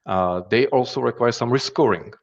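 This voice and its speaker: A Czech man with a Czech accent presents at a conference as a threat intelligence specialist, speaking in a mid-range voice at normal speed. He sounds hesitant and often repeats words and phrases, and the audio is lo-fi.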